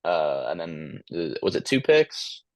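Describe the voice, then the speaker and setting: A man with a very low, monotone voice co-hosts a casual sports podcast. He hesitates often and restarts his sentences, and the sound is close and dry. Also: measured pace, no echo. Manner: hesitant, many ums and restarts. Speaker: podcast co-host.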